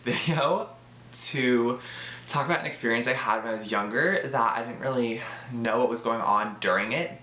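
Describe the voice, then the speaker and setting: A man's voice: mid-range voice, pushed and bright, reverberant. A young man telling a personal story in a casual vlog, chatty and joking, with lots of fillers. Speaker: YouTuber.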